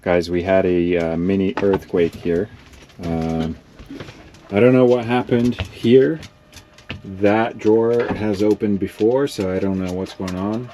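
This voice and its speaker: A man casually narrating a road-trip vlog, relaxed and rambling with lots of fillers. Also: deep voice, a little slow. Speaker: vlogger. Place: inside an RV and outdoors on the road. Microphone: smart glasses camera.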